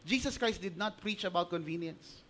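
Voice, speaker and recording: A Filipino-accented male pastor delivers an animated sermon in a high, bright voice. He mixes Tagalog with English and acts out the voices he quotes. His tone is clear and forceful. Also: moderate pace.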